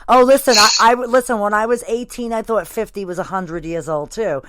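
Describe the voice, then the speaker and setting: A woman's voice: medium pitch, brisk, noisy background. A woman in her forties hosting a casual interview, laughing often and swearing freely. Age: 40s. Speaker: podcast host.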